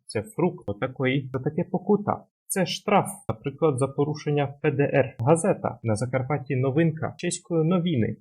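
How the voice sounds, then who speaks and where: Dark husky male language lecturer. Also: mid-range voice. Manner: quizzing the viewer with quick word pairs. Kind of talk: educational vocabulary video.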